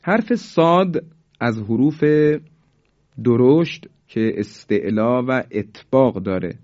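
A male teacher giving a recitation lesson, explaining quickly and then reciting each example slowly and drawn out. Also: on the low side, a little mellow. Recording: dull lo-fi recording.

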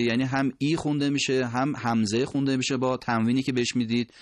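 A man teaching Quran recitation, explaining pronunciation points and slowly drawing out example words. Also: mid-range voice, no echo, studio quality. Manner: slow, drawn-out demonstration of words. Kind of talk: tajwid lesson explaining pronunciation.

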